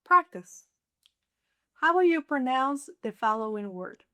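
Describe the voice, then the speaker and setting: Lady teaching beginner spanish, says every word twice, real slow, kinda high voice. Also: sing-song, pushed and bright, no room sound. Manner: slow, clear and carefully enunciated, repeating each word. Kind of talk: slow scripted language lesson.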